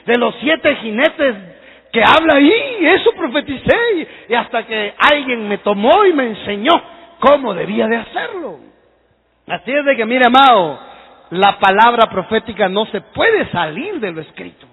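A man preaching fervently to his congregation, raising his voice to shouts and speaking to them directly. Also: very high-pitched, slightly rough. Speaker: pastor. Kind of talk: sermon. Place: church hall. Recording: dull lo-fi recording in echoing hall.

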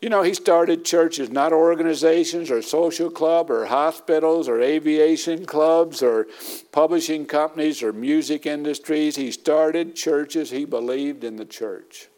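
A man's voice: fairly high pitch, measured pace, darkish tone. A middle-aged man preaching a sermon as pastor, emphatic and repeating his points for weight.

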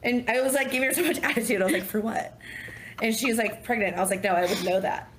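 Animated woman telling a story. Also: on the high side, rapid-fire, noisy background. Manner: animated, acts out quotes, laughs often. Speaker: podcast guest. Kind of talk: casual storytelling.

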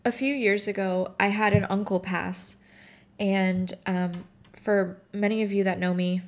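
Woman, twenties, from Morocco, tearful, tired, halting with restarts, personal reflection read aloud. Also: mid-range voice, fairly even intonation. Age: 20s. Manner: halting and emotional, with frequent restarts. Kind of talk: personal reflection, reading her own writing aloud.

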